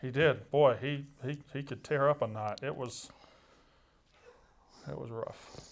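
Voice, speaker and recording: A man hosting an irreverent comedic interview, asking questions and teasing in a deadpan way. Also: medium pitch, a little slow. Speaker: interviewer, host.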